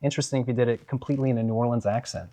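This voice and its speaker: A man's voice: mid-range voice, racing, mellow. A man, a film director, talking casually and rambling, swearing freely. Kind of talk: casual chat.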